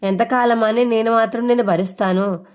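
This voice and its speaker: A woman's voice: fairly high pitch, steady tone, moderate pace, close to an everyday voice. A woman voicing a meddling sister-in-law who needles and gossips. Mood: needling.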